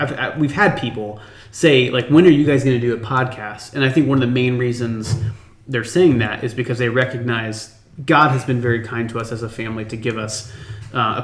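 Man on a tinny, tin-can-sounding mic. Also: medium pitch. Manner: earnest, chatty, with frequent restarts. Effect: tinny sound, as if recorded inside a tin can. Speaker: podcast host. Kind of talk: casual family podcast chat. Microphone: temporary microphone, not the usual podcast mic. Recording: tinny echoey room sound from a makeshift mic.

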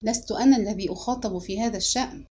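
A woman's voice: medium pitch, very fast, dark tone, slight background noise, natural voice. A woman reading the lines of a curt, impatient young woman who answers a suitor with annoyance in an audiobook story.

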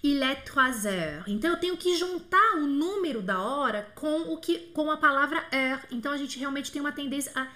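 Female French teacher, slightly high voice, patient and repetitive, live class answering chat. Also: sharp tone. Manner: patient, repeats words slowly to model pronunciation; answers viewers' questions by name. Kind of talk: live online lesson.

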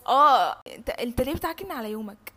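A woman's voice: fairly high pitch, big pitch swings, quick pace, pushed and bright. A young woman with an Egyptian Arabic accent, talking informally in a group chat. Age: young adult. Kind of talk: casual animated group chat.

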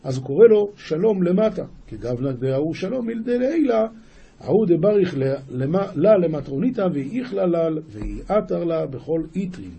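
A man's voice: fairly high pitch, very animated, creaky, warm tone. A male rabbi teaching a daily lesson, reading an old religious passage aloud and explaining it phrase by phrase, often restarting words as he goes. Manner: reads an ancient passage aloud, then explains each phrase; frequent restarts and self-corrections.

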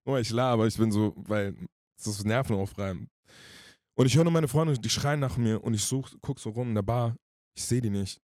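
A man with a low, dark, mellow voice talks at a rapid clip, telling a personal story in casual, slang-heavy speech. His delivery is rushed and emotionally charged. The sound is dry and close. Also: no echo. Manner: slangy, rushed and emotional, addresses the listener as "Bruder". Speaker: podcast guest, singer.

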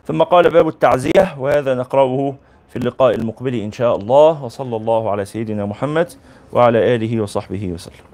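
A man's voice: mid-range voice, quick pace, a little mellow. A man teaching as a sheikh, reading a classical religious text aloud and explaining it in colloquial asides. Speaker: sheikh teaching a hadith book.

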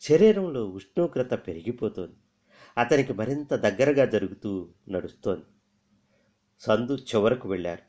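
Man reading a story, lowish voice, pretty dramatic, rises and drops for effect. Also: normal speed, pauses often. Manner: expressive, shifting pitch and loudness for emphasis.

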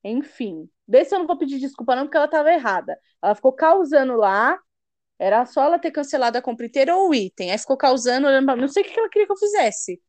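High-voiced woman telling a rant story. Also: fast, dry recording. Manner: animated, swears, acts out quoted dialogue. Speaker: podcast host. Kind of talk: casual storytelling chat.

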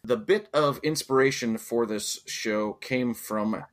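A man's voice: mid-range voice, slow pace. A man hosting a podcast, chatting casually in a rambling way. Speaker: podcast host. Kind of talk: casual chat.

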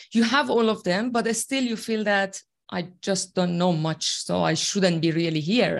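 In an interview conversation, a tech team leader from Iran whose first language is Farsi speaks as a guest in a mid-range voice. She draws earnestly on her own experience, and her speech is full of fillers.

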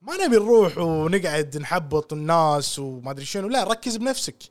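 Fast-talking man on a podcast. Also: fairly high pitch, dry recording. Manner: animated, mixes English phrases into talk. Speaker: podcast co-host. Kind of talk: casual podcast chat.

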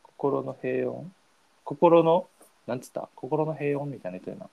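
A man's voice: measured pace, creaky, phone-quality sound. A man with a Kansai accent co-hosting a casual podcast, playing an improvised word game and laughing often. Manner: playful, laughs often, animated pitch. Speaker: podcast co-host.

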